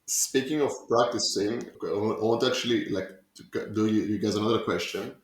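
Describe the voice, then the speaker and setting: A man with a slightly low voice moderates a casual discussion in a noticeably echoey room. He asks questions haltingly, restarting and correcting himself along the way.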